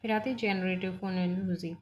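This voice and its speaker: A woman's voice: fairly low pitch, steady tone, moderate pace. Hindi-speaking woman teaching linguistics. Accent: Indian English. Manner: explains step by step, checking in with "ठीक है ना". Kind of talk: bilingual exam-prep lecture.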